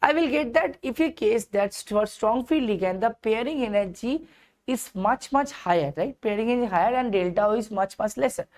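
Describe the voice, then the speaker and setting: A woman's voice: a little high, expressive, normal speed, a little mellow. A woman with an Indian accent giving an instructional chemistry lesson, mixing Hindi phrases into English and repeating phrases and rhetorical questions for emphasis. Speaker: chemistry teacher.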